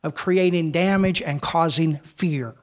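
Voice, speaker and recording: A man preaching emphatically, pausing often for an interpreter and repeating key words. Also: fairly high pitch. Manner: emphatic, repetitive, shifts from shouts to hushed tones. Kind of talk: sermon with live interpreter.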